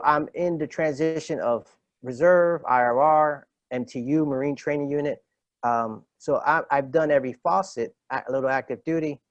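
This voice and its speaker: Retired marine sergeant telling stories. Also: male voice, on the high side, no echo, dull audio. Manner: animated storyteller acting out quoted dialogue, frequent fillers and restarts. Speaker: retired Marine master gunnery sergeant, podcast guest. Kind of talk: casual interview storytelling.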